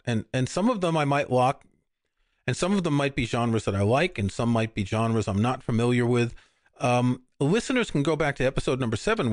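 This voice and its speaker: This older man, a podcast co-host, talks about music in a loose, relaxed chat full of restarts and rambling. His voice sits at a medium pitch, captured in a dry, studio-quality recording.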